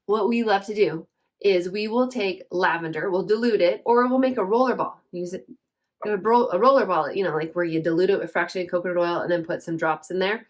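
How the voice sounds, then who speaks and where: A woman in her thirties talks through home tips in a casual, earnest way. Her voice sits a little low, and she rambles, circling back to find the right word. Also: fairly quick. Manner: chatty, earnest, hunts for words with filler. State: briefly teary. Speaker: essential oils seller. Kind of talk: casual how-to chat.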